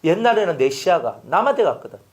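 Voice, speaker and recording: A man preaching a sermon, asking the congregation rhetorical questions and swinging from loud to hushed. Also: on the high side, very animated, fast talker. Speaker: pastor. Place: church sanctuary.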